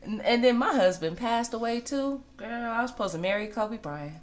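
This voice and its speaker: A woman's voice: fairly high pitch, expressive, moderate pace, slight background noise. An American woman of forty giving casual gossip commentary in a blunt, conversational way, repeating points for emphasis.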